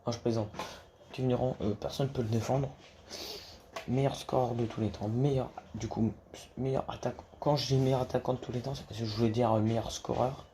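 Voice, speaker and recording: A man's voice: medium pitch, fairly even intonation, brisk, warm tone, slight background noise. A man talking casually to camera about basketball, rambling with many restarts and casual swearing. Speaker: basketball YouTuber.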